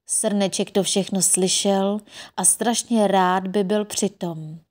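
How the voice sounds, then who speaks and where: A woman narrating a fairy tale audiobook in a gentle, expressive storytelling voice. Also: mid-range voice.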